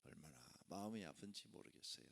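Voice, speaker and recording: His voice is deep and creaky, fast, with lively intonation. Preaching a Friday worship sermon, this pastor blends conversational asides with emphatic proclamation and keeps posing rhetorical questions to the congregation.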